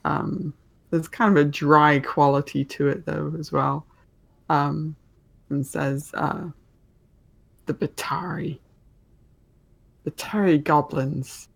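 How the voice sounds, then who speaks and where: A man runs a tabletop game with improvised narration. His voice is gravelly and he talks slowly and haltingly, feeling for each word. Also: fairly high pitch, little pitch movement, a bit bright. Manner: halting, searching for words. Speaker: game master.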